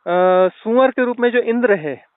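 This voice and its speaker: High, smooth-voiced man teaching spirituality. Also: no room sound. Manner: slow, explanatory, with restarts and fillers. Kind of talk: spiritual talk with storytelling. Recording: tinny phone-like line.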